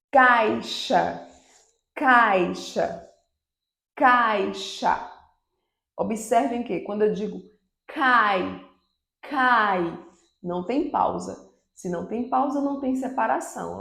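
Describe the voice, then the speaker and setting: A woman teaching an online grammar lesson, lively, stressing example syllables and checking in with the class. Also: mid-range voice, vocal fry, echoey room.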